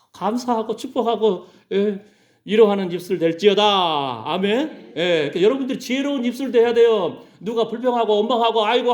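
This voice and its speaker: A middle-aged man preaching a sermon as pastor, animated, acting out quoted voices and often checking in with the congregation. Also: high-pitched.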